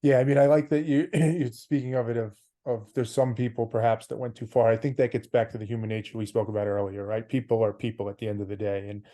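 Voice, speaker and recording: A male podcast host in a conversational interview, talking in a reflective, hedging way and asking questions gently. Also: mid-range voice, level tone, fast, hardly any pauses.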